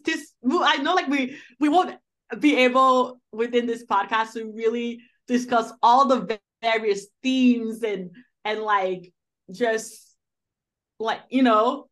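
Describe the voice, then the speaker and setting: A woman co-hosts a podcast in a slightly high, fairly bright voice. The talk is a relaxed film review, and she rambles through it with many restarts and fillers like "like" and "you know."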